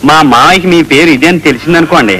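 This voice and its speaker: An actor playing an excitable schemer who talks rapidly and animatedly, full of exclamations, in a film comedy scene. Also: male voice, a little high, a little hiss or hum, poor audio. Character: excitable, fast-talking schemer giving advice.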